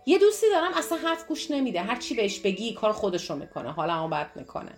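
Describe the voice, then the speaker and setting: A woman's voice: medium pitch, very animated, a little mellow, soft background music. A woman teaching a self-development course, talking straight to her listeners and repeating phrases for emphasis. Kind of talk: teaching talk to a course audience.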